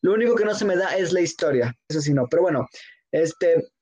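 A man's voice: on the high side, expressive, brisk, a little mellow, husky. A young man with a Mexican accent, making emphatic points in slang in a casual chat. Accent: Mexican Spanish. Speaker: co-host.

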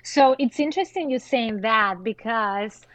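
A woman's voice: fairly high pitch, unhurried, fairly bright tone, no room sound. Chatty woman from Russia, dry close sound. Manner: chatty, many "like" fillers, laughs often. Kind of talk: casual chat.

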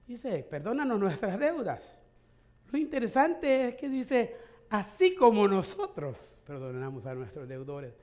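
A man's voice: sits high, sing-song, a little slow, darkish tone. A male pastor in middle age preaching a sermon in a conversational way, with rhetorical questions and light chuckles.

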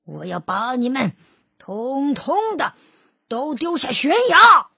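A woman voicing a huge, boastful, mean male giant in a read-aloud storybook, roaring and bragging with a raspy voice. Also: high voice, very animated, slow pace, no echo, studio quality, exaggerated voice. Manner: roaring, bragging, shouted threats.

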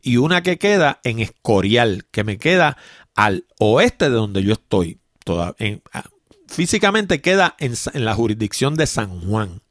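A man's voice: mid-range voice, sing-song, measured pace, a bit bright, no room sound, studio quality. A man hosting a tech podcast, explaining a point at length and stopping now and then to correct himself. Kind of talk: podcast monologue.

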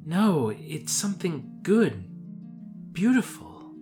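Brief: male narrator doing a young fantasy heroine, raised lighter voice, soft and awed. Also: high voice, very animated, slow, music in the background, voice pushed up, full character voice. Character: young woman hero sensing power.

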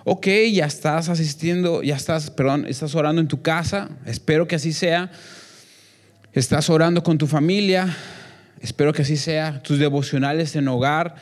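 A man's voice: a little high, normal speed. Earnest young man preaching. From Mexico. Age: young adult. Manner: earnest, repeats phrases, frequent restarts. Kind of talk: sermon.

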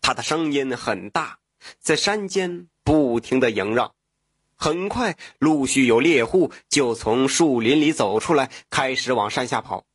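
Husky male folk-tale storyteller. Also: mid-range voice, measured pace, dry recording, clean studio sound. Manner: lively oral storytelling with spoken fillers.

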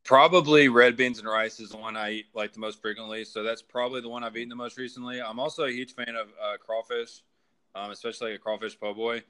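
A young man chats as a guest on a sports podcast. His voice is bright and crisp, and he fills his sentences with "like" and "you know.". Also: medium pitch, fairly even intonation, fast, poor audio. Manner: chatty, lots of filler "like". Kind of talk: casual sports podcast chat.

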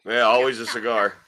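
A man's voice: medium pitch, background noise. A man hosting a casual podcast and reacting to clips in a sweary, slangy, rambling way. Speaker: podcast host.

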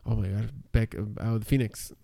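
A man with a low, gravelly voice co-hosts a casual wrestling podcast. His tone is dark and mellow, and he hesitates often as he searches for words. The recording is dry and close. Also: steady tone, no echo. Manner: halting, searches for words, many fillers. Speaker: podcast co-host.

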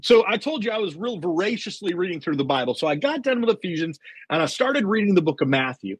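Husky and high, this middle-aged man talks quickly as a podcast guest sharing his faith testimony, recorded in a dry space. He tells it earnestly and excitedly, often quoting himself, with plenty of fillers and restarts.

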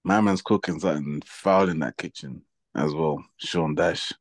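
A man's voice: extremely low pitch, moderate pace, no echo, studio quality. A young man with a London roadman accent chatting casually about football in slangy, sweary banter. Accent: London, urban roadman slang. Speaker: football podcast co-host.

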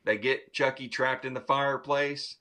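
A man's voice: mid-range voice, fairly even intonation, moderate pace, pushed and bright. A man hosting a podcast, casually and enthusiastically recounting a film's plot with plenty of swearing and laughter in his retelling. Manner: enthusiastic, profane, retells scenes. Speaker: podcast host. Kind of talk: casual movie review chat.

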